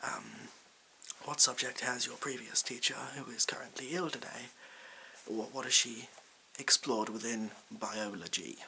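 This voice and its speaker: Man acting bumbling supply teacher, bright ASMR role-play. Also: medium pitch, unhurried, gravelly, full character voice, poor audio. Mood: hesitant, bluffing. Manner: hesitant, rambling, stalling, deadpan asides. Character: bumbling male supply science teacher, evasive, unsure, self-important. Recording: hissy background noise.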